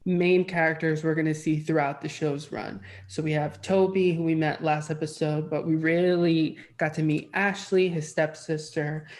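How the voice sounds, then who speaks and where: Brief: young woman co-host, lower voice, lively, gushing casual chat. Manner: animated, gushing, slips into voices. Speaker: podcast co-host.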